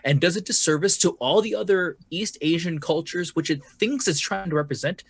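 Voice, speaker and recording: On a casual panel podcast, a male co-host hammers home critical points with emphasis, now and then swearing to drive them in. His voice is on the high side and husky, at a normal speed, with no room sound.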